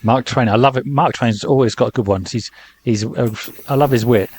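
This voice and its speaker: A man co-hosting a podcast in a studio, chatting casually and tossing in quick jokes. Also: mid-range voice, darkish tone, husky. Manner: jokey, tossing in quick quips. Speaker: podcast co-host. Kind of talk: casual chat.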